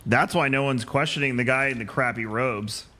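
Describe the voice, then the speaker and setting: Bright, chatty male game streamer. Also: mid-range voice, moderate pace, faint music behind. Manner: chatty, thinking aloud, joking. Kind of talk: casual gameplay commentary.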